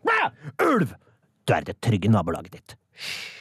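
A man playing a bumbling rural party leader who performs a melodramatic radio play full of roars and sound effects, with a husky voice. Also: lowish voice, wildly swooping pitch, fairly bright tone, no room sound, studio quality, full character voice. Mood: frantic dramatic. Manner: wildly melodramatic, roaring animal noises and sound effects. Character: bumbling rural male politician, overzealous anti-wolf crusader. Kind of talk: comedy sketch, mock radio play.

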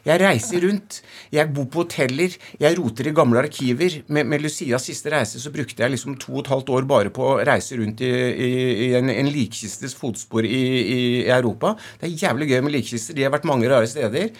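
Emphatic Oslo man in conversation. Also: mid-range voice. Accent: Oslo Norwegian. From Oslo west, Norway. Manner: emphatic, effusive, with swearing and halting repetitions. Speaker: novelist being interviewed. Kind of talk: animated conversational interview.

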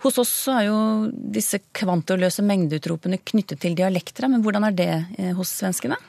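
A woman interviewing a guest, asking brisk questions and summing up the answers. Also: mid-range voice, vocal fry, darkish tone, no room sound. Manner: brisk, guiding questions and summaries. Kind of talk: radio interview.

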